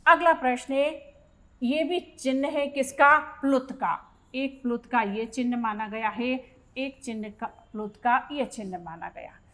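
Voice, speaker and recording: Slow, high-voiced woman teaching Hindi grammar. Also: fairly bright tone. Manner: explains step by step, repeats questions and answers. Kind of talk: exam-prep grammar lesson.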